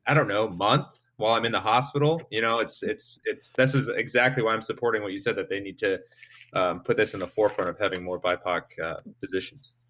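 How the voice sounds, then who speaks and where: A podcast host asks his guests friendly, probing questions in a conversational interview. His voice is low yet bright and forward. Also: a little fast.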